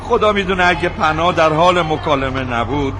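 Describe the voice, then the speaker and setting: A man's voice: fairly high pitch, lightly acted. An actor playing a man at a roadside crash scene who phones the family with terse, reassuring updates. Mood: urgent.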